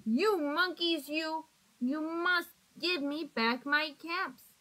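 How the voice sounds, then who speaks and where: Woman voicing an exasperated, high-pitched cap peddler. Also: full character voice. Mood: angry. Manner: loud, drawn-out, emphatic calls. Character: exasperated male cap peddler calling out and scolding.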